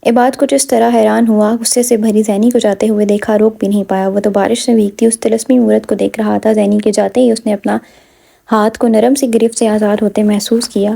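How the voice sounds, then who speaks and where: A woman's voice: medium pitch, flat delivery, vocal fry, mellow. Woman reading a novel aloud. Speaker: narrator.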